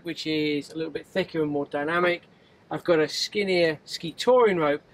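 A middle-aged man, a mountain guide giving clear, upbeat instructions outdoors. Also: on the high side, a bit bright, a little hiss or hum.

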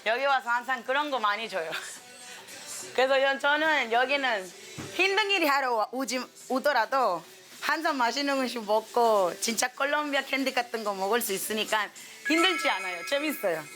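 High-voiced Colombian woman over background music. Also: lively intonation, moderate pace, sharp tone. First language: Spanish. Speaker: featured subject of a documentary. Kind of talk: casual chat to camera.

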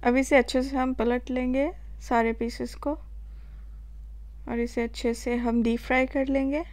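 A woman with an Indian accent, narrating a cooking tutorial as a voice-over and calmly explaining each step, with a few filler pauses. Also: sits high. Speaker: cooking channel host.

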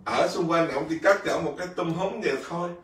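Monk, echoey and distant. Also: male voice, on the high side, quick pace. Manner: lively, laughing, acts out a king and a soldier. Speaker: Buddhist monk teacher. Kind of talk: storytelling dharma talk.

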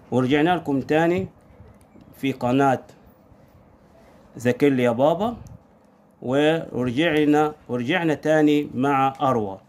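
A man's voice: medium pitch, darkish tone. A man with an Egyptian Arabic accent tutoring his young daughter at home, patiently repeating words and prompting her with questions. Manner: patient drilling with constant call-and-response questions. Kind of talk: home English lesson for a young child.

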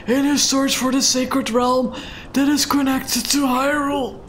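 A woman voicing an ancient, dying male tree spirit, reading game dialogue aloud in a slow, solemn, archaic way. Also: a little high, steady tone, a little hiss or hum.

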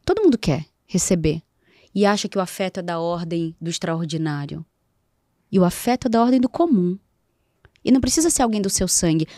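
A woman's voice: on the low side, dark tone, dry recording, studio quality. A woman, a podcast guest talking in an emphatic way and repeating key phrases for weight. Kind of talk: conversational interview talk. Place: podcast studio.

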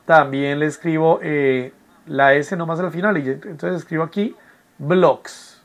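A man's voice: on the high side, fairly even intonation, unhurried. Patient man teaching a class. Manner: patient, repetitive, checks understanding with "¿correcto?". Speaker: English teacher. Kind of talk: recorded online class explanation. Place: at home.

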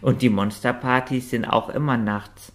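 A man's voice: medium pitch, fairly even intonation, normal speed, lightly acted. A man reading aloud, voicing a big, cheerful female dragon who chats in easy colloquial speech. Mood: easygoing. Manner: easygoing colloquial chatter.

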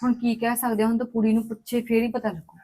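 A woman's voice: on the high side, flat delivery, mellow, lightly acted. An actress playing a worried adult daughter who scolds her brother in a family drama. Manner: argumentative, quick to scold. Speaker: daughter and sister. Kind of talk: scripted family drama acting.

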